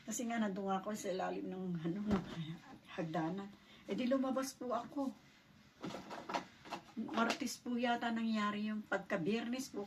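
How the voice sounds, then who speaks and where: A woman's voice: medium pitch, a little mellow. A middle-aged woman from the Philippines tells a personal story in her vlog, polite and acting out the dialogue as she goes, picked up on a distant mic with faint noise. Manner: polite, retells events with quoted dialogue. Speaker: vlogger.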